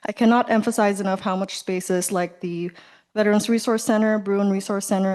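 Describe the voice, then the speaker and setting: A woman's voice: medium pitch, a little mellow, smooth. Woman, young adult, out of breath, earnest, emphatic public comment.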